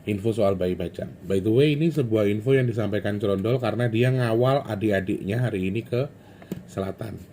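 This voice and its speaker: A spiritual content vlogger talks to his viewers in a loose, chatty monologue, rambling and slipping into phrases. His voice is lowish and mellow, and his pace is brisk. A little hiss or hum sits under the recording.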